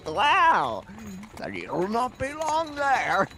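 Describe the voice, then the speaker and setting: In an audio drama, an actor plays a folksy, pious old carriage driver who speaks in rustic dialect, teasing yet foreboding. The male voice is very high-pitched and very slow, exaggerated and sharp, with huge swings in pitch.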